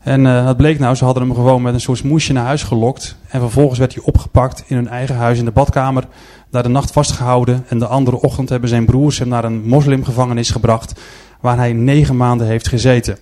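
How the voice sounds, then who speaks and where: Before an assembled audience at a church-style presentation, a man tells stories tied to the images on screen. His delivery is earnest but flat, his voice mellow and middle-pitched, and he frequently pauses on hesitant fillers.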